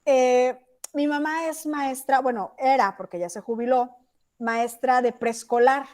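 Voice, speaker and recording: A woman with a Mexican accent teaches a class over a video call. Her voice sits high, and her talk is chatty, with frequent checks that everyone is following along. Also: steady tone, measured pace, darkish tone. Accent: Mexican Spanish. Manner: chatty, asks checking questions. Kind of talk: online class lecture.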